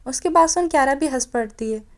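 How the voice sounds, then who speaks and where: A woman with a high-pitched voice reads a romance audiobook at a fairly quick pace. She voices every character, shifting her tone slightly for each one's lines, and corrects her own slips along the way.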